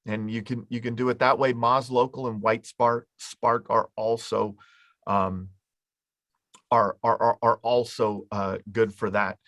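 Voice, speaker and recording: A man teaching an informal webinar, talking things through conversationally and reaching for hypothetical examples. His voice sits at an ordinary middle pitch and is recorded close and dry, with no room sound. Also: little pitch movement, measured pace, fairly bright tone, no room sound. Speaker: marketing presenter.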